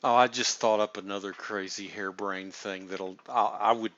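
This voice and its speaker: A man's voice: fairly low pitch, fairly even intonation, moderate pace, a bit bright. A man with a Southern accent hosting a casual livestream chat, rambling and cutting himself off as ideas come to him. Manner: rambling, self-interrupting, laughs at own ideas. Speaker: livestream host. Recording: dull lo-fi stream audio.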